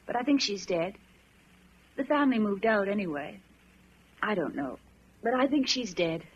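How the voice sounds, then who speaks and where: A woman's voice: medium pitch, expressive, normal speed, slight background noise, close to an everyday voice. A woman playing a vague, indifferent, forgetful wife in a radio drama, speaking in an offhand way. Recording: slightly dull radio drama recording.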